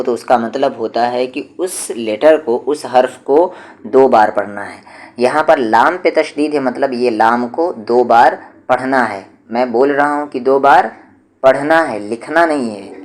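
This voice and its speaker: A man gives a beginner's Urdu reading lesson in a patient, measured voice. He spells words out syllable by syllable and repeats every rule so that learners can follow. His pitch sits in the ordinary middle range for a man. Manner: slow, patient, repeats each point and drills syllables. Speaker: Urdu teacher. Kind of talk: step-by-step spoken lesson.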